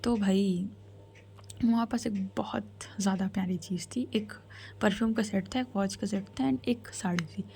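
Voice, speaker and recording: A woman's voice: mid-range voice, moderate pace, mellow. A woman storyteller narrating a romance in a chatty whisper, often calling her listeners bhai.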